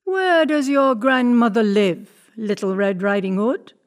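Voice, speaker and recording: A woman's voice: on the high side, measured pace, natural voice. A woman voicing a sly, hungry male wolf in a storybook tale, coaxing and scheming under a friendly front.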